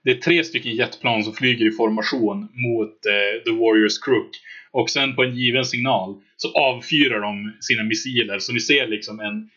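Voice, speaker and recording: Bright-voiced male game master, lo-fi mic. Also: mid-range voice, slightly rough. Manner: relaxed, describes scenes with filler words. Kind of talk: narrating a tabletop game. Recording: dull lo-fi mic.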